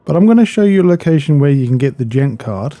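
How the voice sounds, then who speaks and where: Fast and very animated, this man's voice sits a little high yet has a dark tone. He casually narrates a video game walkthrough, instructing step by step and often going back to repeat or correct himself.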